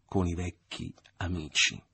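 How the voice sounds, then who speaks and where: A man voicing a smug, jovial middle-aged man who makes ironic toasts in an audiobook, with a husky voice. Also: low-pitched, flat delivery, unhurried, pushed and bright, full character voice. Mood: ironic cheer. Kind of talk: audiobook character voice.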